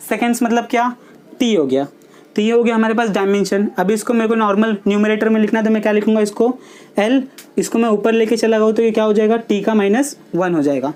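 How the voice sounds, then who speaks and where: A woman teaching a physics class. She asks the students questions and then answers them herself, and she often checks in with short tags. She slows down to dictate the formulas. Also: mid-range voice, a little mellow. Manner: checks understanding with short tags like "theek hai". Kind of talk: classroom lesson at a board.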